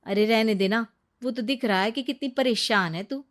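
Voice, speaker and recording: A woman voicing a fed-up cartoon wife, high-pitched. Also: normal speed, natural voice. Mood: complaining. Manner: complaining, theatrical. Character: fed-up young wife, complaining and dramatic. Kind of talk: cartoon voice acting.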